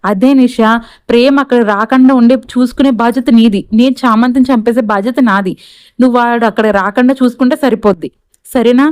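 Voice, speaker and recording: A woman's voice: on the high side, a little fast, darkish tone, dry recording, close to an everyday voice. A woman voicing a scheming young man who plots a murder, talking in a persuasive, plotting way.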